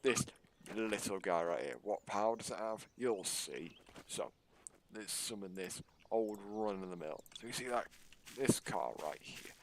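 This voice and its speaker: A man's voice: lowish voice, measured pace, a little hiss or hum. A man giving casual, sarcastic, mock-boastful commentary over his own gameplay. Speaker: gaming YouTuber.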